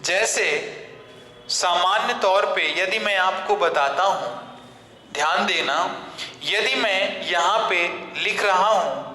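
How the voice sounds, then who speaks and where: A man teaching English grammar in a classroom lecture, repeating questions back to his students and answering them himself, and slipping into slow, deliberate English phrases. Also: high voice, pushed and bright, echoey room, in a large hall, poor audio.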